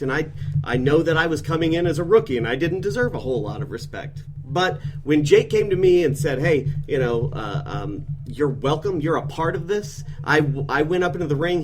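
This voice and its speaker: A man's voice: on the high side, fairly quick, a little mellow, slight background noise. Earnest, dry-witted podcast co-host man. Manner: earnest, then dryly sarcastic questioning. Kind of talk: podcast interview.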